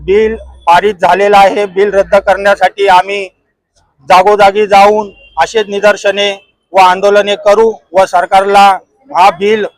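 A man, the president of an activist group, gives an earnest, halting statement in a street interview at a protest. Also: high-pitched, flat delivery, no echo, rough recording. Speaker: organization president. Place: outdoors at a protest.

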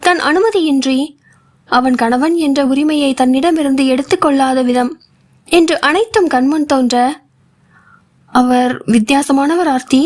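A woman narrating a novel for an audiobook with a steady storytelling delivery. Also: sits high, normal speed.

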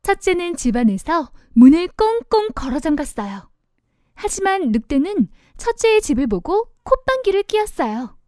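Telling a children's storybook, a woman with a high-pitched voice narrates expressively and with animation, her pitch swinging widely as she keeps things simple for young children. She moves at a moderate pace, and the studio-quality recording has no room sound.

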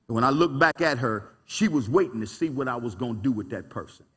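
Husky, lively preaching pastor. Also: male voice, mid-range voice, fast, long reverb tail. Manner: animated preaching with call-and-response asides; folksy, colloquial speech. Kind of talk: preaching a sermon. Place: church sanctuary.

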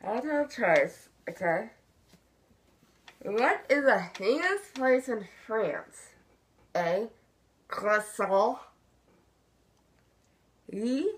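Lively woman slurring through a mouthguard. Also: a little high, extremely slow, pauses often. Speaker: player in a party game. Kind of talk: playful casual chat. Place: small room at home, around a table. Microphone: camera across the table. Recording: clear room noise, table clicks.

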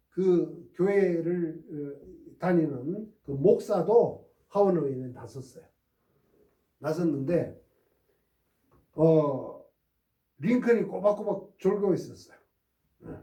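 Guy lecturing on history, high and really animated, keeps poking the class with "eh?", far off mic, roomy. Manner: emphatic, prods listeners with rhetorical "eh?". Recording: roomy sound from a distant mic.

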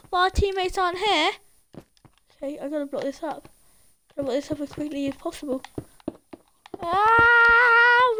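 A woman giving excitable, frantic commentary over a multiplayer game, often shouting and laughing. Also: sits high, noisy background. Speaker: gaming video creator. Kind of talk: let's play commentary.

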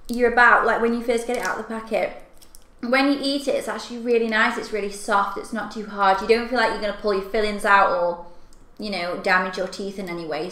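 A young woman chatting casually to camera as she tastes and eats candy, with expressive, exclaiming reactions. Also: a little high. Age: young adult. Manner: talking while eating candy and snacks. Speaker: video host. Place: small furnished room at home, indoors. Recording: echoey room, clear background noise.

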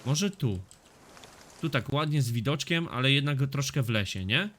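A man casually narrating his own gameplay, cursing often and getting loud when the action picks up. His voice sits at an ordinary middle pitch. There is clear background noise under the recording. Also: moderate pace. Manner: swears often, excitable reactions to the game. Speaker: gaming YouTuber. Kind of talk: casual let's-play commentary.

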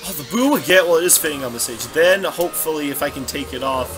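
A man's voice: on the high side, expressive, quick pace. Rambling young man narrating his gameplay. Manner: rambling, scatterbrained, self-correcting. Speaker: let's play commentator. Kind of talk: casual gameplay commentary. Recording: game music playing behind.

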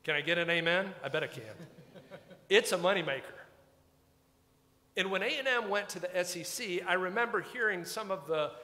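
A pastor's sermon rings out from a church pulpit with long reverb behind it. He speaks in a bright, forceful voice on the high side, wry and reflective in a conversational way.

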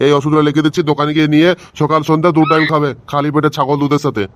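A man's voice: on the high side, level tone, very fast, slight background noise, lightly acted. A man doing a curt, grumbling quack doctor. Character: brusque middle-aged quack ayurvedic doctor. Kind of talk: cartoon voice acting.

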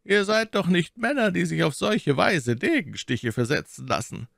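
A man's voice: on the high side, sing-song, moderate pace, gravelly, no echo, clean studio sound, voice pushed up, heavily acted. A man voicing a commanding, cunning male cardinal with a ringing, imperious tone, in a storybook reading.

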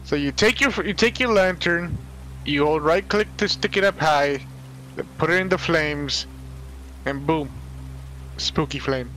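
A man's voice: on the high side, unhurried, pauses often, sharp tone, slight background noise, rough recording. A man giving casual gameplay commentary, joking and playfully bossing his partner around. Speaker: gamer guiding a co-op partner.

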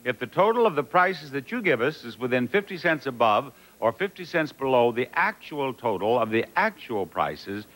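A man hosting a game show, giving instructions and repeating answers in a clear-cut way. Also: medium pitch, sing-song, moderate pace, few pauses, a bit bright, rough recording. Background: studio audience and music.

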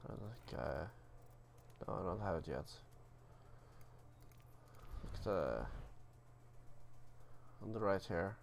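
A man's voice: sits low, expressive, slow pace, creaky, pauses often, slight background noise. A man giving casual gameplay commentary, muttering and swearing offhand as he plays. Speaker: gamer recording gameplay. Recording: game music behind voice.

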